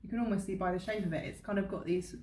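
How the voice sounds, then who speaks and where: A woman co-hosting a casual chat, enthusiastic and quick to laugh. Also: mid-range voice, mellow. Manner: chatty and enthusiastic, laughs often. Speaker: co-host. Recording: roomy with faint background noise.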